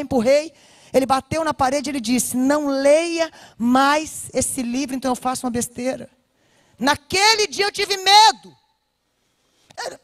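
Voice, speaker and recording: A woman pastor with a Brazilian Portuguese accent giving an animated personal testimony, speaking straight to her listeners. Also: sits high, no room sound, clean studio sound. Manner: animated storytelling, addresses listeners directly. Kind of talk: personal testimony told to a congregation.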